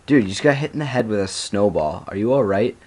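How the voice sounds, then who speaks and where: A man voicing a small, smart schoolboy who talks in an excited, teasing way. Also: on the low side, quick pace.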